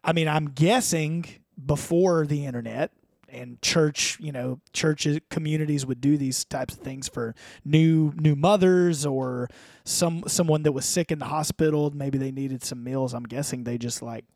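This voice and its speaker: Chatty Southern man with a higher voice. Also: steady tone, unhurried, vocal fry, a little mellow, no room sound, clean studio sound. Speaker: podcast co-host. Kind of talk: casual discussion.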